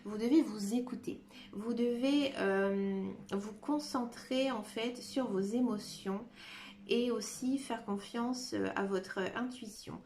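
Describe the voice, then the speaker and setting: A woman giving a tarot reading to her viewers, talking gently and hesitantly with many filler sounds. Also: on the high side, slow pace. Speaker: tarot card reader. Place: room at home, dog nearby. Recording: echoey room with faint noise.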